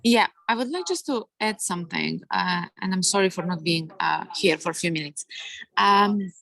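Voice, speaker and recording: A woman from Serbia with a Serbian accent, speaking on a webinar panel in a halting way with many fillers and restarts. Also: fairly low pitch, gravelly, pushed and bright. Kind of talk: webinar discussion. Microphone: video call.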